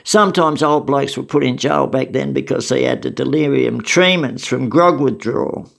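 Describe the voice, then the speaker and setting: A man's voice: medium pitch, moderate pace, vocal fry, a bit bright. An older Australian man telling memories from his past in a wry, matter-of-fact, casual way. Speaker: storyteller recounting memories. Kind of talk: casual spoken memoir.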